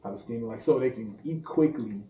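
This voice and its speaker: A man from St. Louis chats as a podcast guest, loose and slangy, laughing through his stories. His voice is very dark and mellow, at an ordinary pitch. He sits back from the mic in a roomy, echoing space with faint ambience. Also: fairly quick, recorded from a distance, a little hiss or hum. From St. Louis, Missouri. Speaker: private chef guest. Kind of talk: casual podcast chat.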